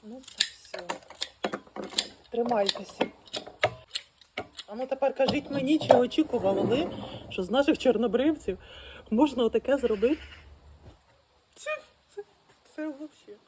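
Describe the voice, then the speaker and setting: A woman's voice: fairly high pitch, moderate pace, pauses often, very noisy. Gushing woman chatting while arranging flowers. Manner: gushing, exclamatory, talks straight to viewers. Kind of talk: casual how-to chat. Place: outdoors at home, birds nearby.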